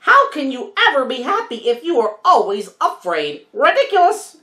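A woman voicing a loud, cheeky male parrot who squawks and scoffs in a shrill voice. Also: wildly swooping pitch, moderate pace, reverberant, exaggerated voice. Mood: scornful.

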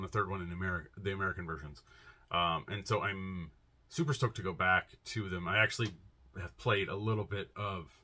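A man in his thirties vlogs casually to the camera about his comic shop from a room at home lined with shelves. His voice is low but pushed and bright, and he rambles with plenty of fillers and restarts.

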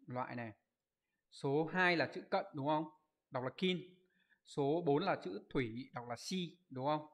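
Leading an online Japanese exam review class, a man with a voice on the high side explains each answer step by step. He asks rhetorical questions to get his students to confirm and reads out their comment answers in a quick list.

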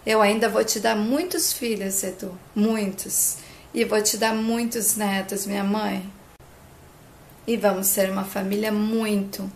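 A woman voicing a young female patient who keeps reassuring her family through tears, with a gravelly, pleading way of speaking. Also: medium pitch, slight background noise. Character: adult female patient, tearful and brave.

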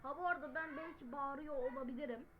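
A woman yelling and swearing her way through gameplay commentary. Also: sits high, quick pace, muffled recording. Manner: loud, yelling and cursing. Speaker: gamer. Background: game music.

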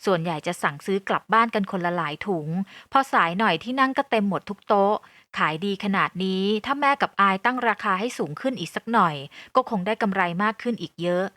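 Woman narrator for an audio novel, calm and even, bright crisp voice, dry booth sound. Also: medium pitch, fast talker, few pauses, no echo. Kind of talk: scripted first-person novel narration.

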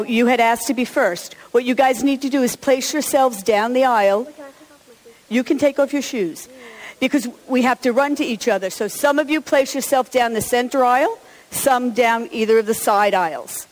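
A woman's voice: fairly high pitch, moderate pace. A woman pastor giving an Easter sermon and children's message in a church, chatty and encouraging and often chuckling. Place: large church sanctuary. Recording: long church reverb.

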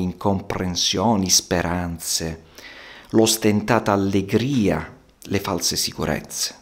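A psychotherapist giving a slow, contemplative monologue in measured, poetic phrasing. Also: male voice, sits low, vocal fry.

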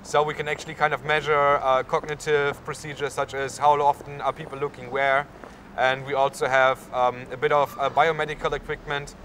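Standing in a town square with faint traffic and street noise around, a young German-accented university student gestures as he answers an interviewer, his replies full of fillers. His fairly high, fairly bright voice moves little in pitch and runs a little fast.

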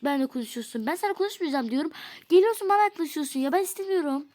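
A woman's voice: sits high, expressive, rapid-fire. Woman doing an angry, scornful teen girl. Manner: sharp, scolding, exasperated sighs. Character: angry teenage girl, hurt and scornful girlfriend. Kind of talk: doll role-play voice acting.

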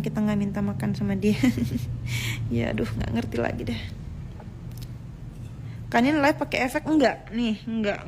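A woman's voice: fairly high pitch, a little hiss or hum. A woman chatting casually at home on a phone livestream, answering viewer comments and often searching for words as she rambles on. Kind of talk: casual live chat.

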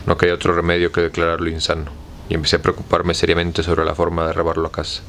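A man with a Mexican accent reads a story aloud in a very deep voice. His pitch stays nearly flat throughout. A faint background noise runs beneath him. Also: fast. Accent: Mexican Spanish. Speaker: audiobook reader.

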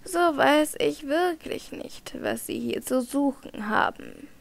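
A devout, naive old lady speaks slowly with gentle insistence, her voice pitched a little high with a gravelly rasp underneath, as an audiobook reader puts her on. She sometimes drops to a hush. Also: expressive, heavily acted. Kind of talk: audiobook character reading.

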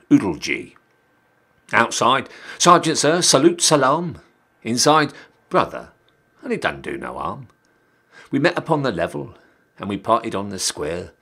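A man's voice: lowish voice, a bit bright, husky. A man giving a dramatic, declamatory recitation of verse, letting his phrase endings drop away. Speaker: poetry reader, town crier.

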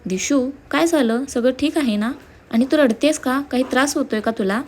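A woman's voice: a little high, normal speed, close to an everyday voice. Woman voicing a tender teasing young man. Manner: soft, affectionate, playful. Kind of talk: storybook narration.

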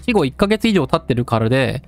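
Male streamer doing a coarse, menacing storyteller, fast and lively. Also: medium pitch, no room sound, soft background music, voice pushed down. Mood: taunting. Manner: gruff, coarse street speech, addressing the listener directly. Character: rough-talking male storyteller, menacing and taunting. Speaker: game let's-play narrator.

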